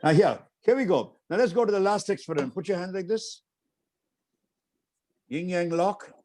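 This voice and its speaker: A middle-aged man from India leads a guest through mind exercises over a call. His voice sits fairly high and swings widely, and he gives firm, repeated commands with a coaxing push. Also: animated, normal speed, a little mellow. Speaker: martial arts master guiding an interview demonstration. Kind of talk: instructing over a video call.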